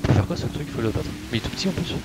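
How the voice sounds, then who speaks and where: A man's voice: on the high side, expressive, rapid-fire, rough recording. A man chatting casually while playing a video game. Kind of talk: casual gaming chat. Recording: clear game music and vehicle sounds.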